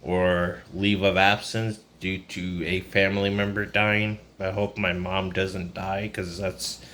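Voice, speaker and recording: A man's voice: low-pitched, little pitch movement, slow, bright, forceful tone. A man in his twenties talking in a casual, rambling personal vlog, downcast, burned-out and confiding. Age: 20s. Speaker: vlogger. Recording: noisy ambient background.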